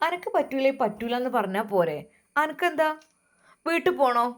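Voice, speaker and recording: A woman voicing an older mother-in-law, talking low and soft in a coaxing, guilt-tripping way. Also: very animated, normal speed. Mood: scolding.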